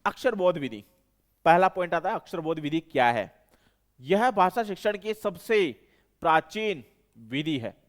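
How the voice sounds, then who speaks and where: A man's voice: on the high side, lively intonation, unhurried. A man with a Rajasthani Hindi accent teaching an exam-prep lesson, explaining step by step and repeating key terms. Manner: explanatory, repeats key terms, self-corrects mid-word.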